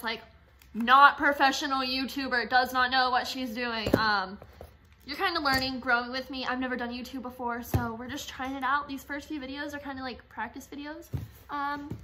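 A woman's voice: high-pitched, a little fast, noisy background. A woman in her twenties, a small business owner, chatting casually to her phone camera with lots of "like" and "um", first in a car and then in a small warehouse office. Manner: chatty, filler-heavy, frequent "like" and "um". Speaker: gift box business owner. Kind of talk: casual vlog chat. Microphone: phone camera held at arm's length.

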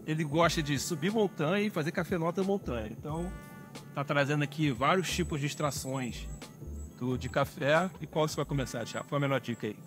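A man's voice: fairly high pitch, fairly quick, faint music behind. A Brazilian man in his thirties hosting an outdoor web series, asking easygoing, short follow-up questions in a forest. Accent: Brazilian Portuguese. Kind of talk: casual interview.

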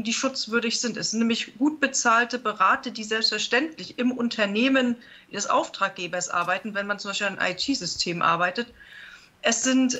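A woman's voice: a little high, bright, forceful tone. A woman politician making a firm, explanatory statement in a panel discussion.

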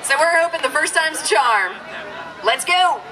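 A woman's voice: high voice, animated, moderate pace. A woman emceeing a live contest on an outdoor stage with a handheld microphone, in a playful, teasing manner. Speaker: contest host. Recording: noisy outdoor crowd, live PA.

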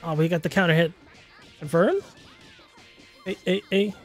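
High-voiced young man calling fights. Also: faint music behind. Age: 20s. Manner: laughs often, quick excited play calls. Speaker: fighting game commentator. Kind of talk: casual esports commentary.

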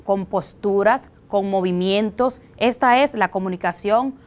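Slow, deliberate Dominican woman teacher. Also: medium pitch. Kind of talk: televised language lesson.

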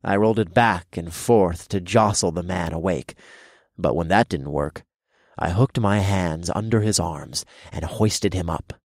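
A man narrating an audiobook in the first person, with a dark, gloating storytelling manner. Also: deep voice, a little slow, no echo, studio quality.

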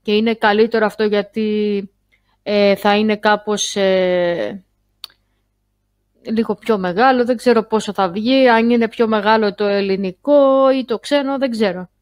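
A woman talking casually to her viewers in a vlog, chatty and halting, full of fillers and restarts. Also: medium pitch, fairly even intonation, no room sound. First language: Greek. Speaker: YouTuber. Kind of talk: casual screen-share vlog.

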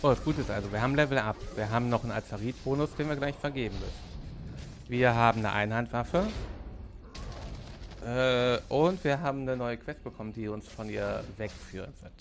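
A man's voice: mid-range voice, brisk, soft background music. A man hosting a let's play, casually commenting on his game as he goes. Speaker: gaming let's play host.

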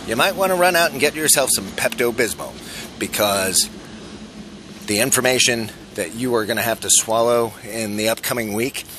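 A man's voice: fairly low pitch, bright, forceful tone, a little hiss or hum. A man in his forties vlogging to a phone held at arm's length on a city street at night, earnest and urgent, posing rhetorical questions. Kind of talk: selfie street vlog monologue.

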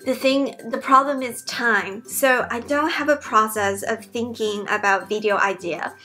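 Soft music plays as a young woman with a Mandarin Chinese accent, a YouTuber and PhD student, answers Q&A questions from her bedroom. Her slightly high voice is pushed and bright, and she talks unhurriedly, chatty and earnest, often restarting sentences.

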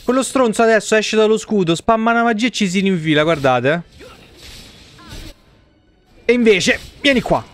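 Video game music runs behind a live streamer at home who offers his chat casual, swear-laden, blunt takes. He speaks at a normal speed in a high voice, pausing at length.

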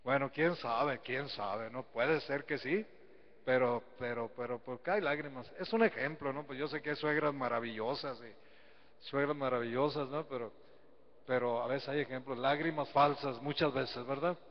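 A man's voice: mid-range voice, normal speed. A priest giving a folksy sermon at Mass. He teases his listeners, asks rhetorical questions and calls on the congregation to answer, then leads a prayer. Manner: folksy, teasing preaching. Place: church sanctuary. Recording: dull lo-fi live stream with long church reverb.

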